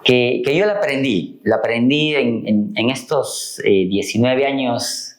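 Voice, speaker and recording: A man's voice: medium pitch, measured pace, roomy sound. A man, a guest on a casual podcast, telling stories from his work and acting out the voices of people in them. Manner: storytelling, acts out quoted dialogue. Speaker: guest, continuous improvement engineer.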